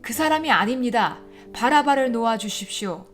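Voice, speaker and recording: A woman shouting as an angry mob. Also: expressive, normal speed, faint music behind, close to an everyday voice. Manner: high, shouted, insistent delivery. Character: angry shouting crowd of male accusers. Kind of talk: dramatized scripture reading.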